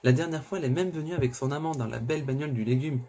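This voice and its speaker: A blunt, tired male nurse, as the reader puts him on, speaking in a mellow, darkish voice. His lines are curt and matter-of-fact, from a thriller read aloud. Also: medium pitch, rapid-fire, lightly acted. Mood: gossiping.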